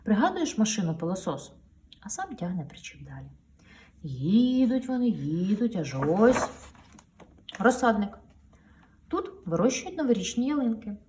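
A woman's voice: medium pitch, big pitch swings, unhurried, long pauses, a little mellow, slight background noise. A woman reading a children's picture book aloud to her daughter, with playful storytelling and sound effects, heard a little distant from the mic.

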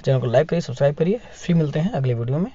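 A man leads an exam-prep quiz lesson with a mellow, dark tone, posing questions and then answering them himself. The recording is dry and a little dull and lo-fi. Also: fairly high pitch, expressive, very fast, breathy edge, no room sound. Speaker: teacher. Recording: dull, slightly lo-fi sound.

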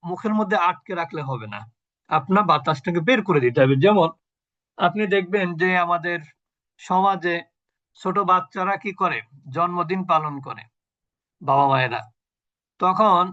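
A man's voice: sits high, pushed and bright, muffled recording. A man teaching a Quran recitation class online. He explains each point step by step, asking the class questions and then answering them himself. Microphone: video call.

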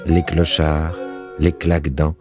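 A man narrating a story in a measured, expressive way. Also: rumbling low, music in the background.

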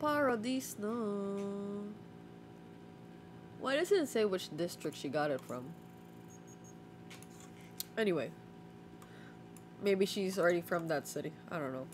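A woman's voice: lowish voice, very animated, moderate pace, long pauses, noisy background. A woman giving playful gameplay commentary while role-playing a border officer. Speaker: game streamer.

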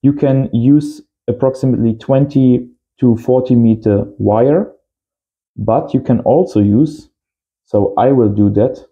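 Speaking a little slowly in a medium-pitched voice, a thirty-something amateur radio channel host leads a casual, hands-on tutorial in simple short phrases. He's in a small indoor home workshop, and the audio is dull.

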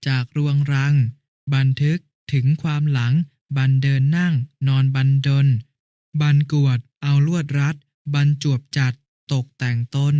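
A man's voice: on the high side, dark tone, dry recording, clean studio sound. A man playing a patient older brother who explains a lesson step by step in an educational cartoon.

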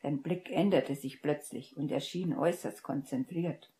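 A woman narrates a fan-fiction audiobook in a steady, measured reading. Her voice sits very low for a woman and has a dark, mellow tone. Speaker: audiobook reader.

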